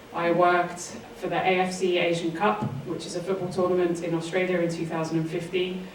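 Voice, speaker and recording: Being interviewed about her life, this southern English sports author speaks earnestly with flat intonation in a fairly low voice, telling personal stories. She sits a bit far from the mic, so there's roomy echo and faint noise.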